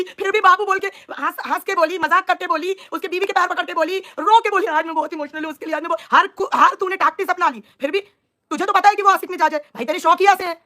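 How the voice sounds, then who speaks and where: Young woman ranting on a live stream, high voice, talks super fast, taunting and scolding. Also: pushed and bright. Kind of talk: angry live-stream rant.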